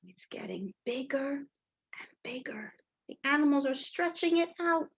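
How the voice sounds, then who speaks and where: A woman with a high, unhurried voice reads a picture book aloud to young children the way a teacher would, and the recording sounds muffled. She's expressive, talks to the kids as friends, poses questions, adds asides, and gasps for effect.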